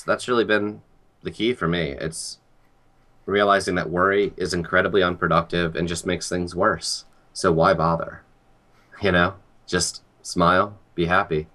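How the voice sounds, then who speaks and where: A young man talking calmly and earnestly about life and worry in a casual chat. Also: low-pitched. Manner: calm, earnest, reflective. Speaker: guest.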